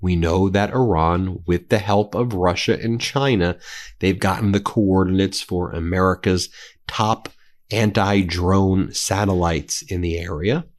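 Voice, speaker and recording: Guy ranting on a politics show, fired up and combative, lowish voice. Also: unhurried. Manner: indignant, combative, direct address. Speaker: political commentary host. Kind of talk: political commentary.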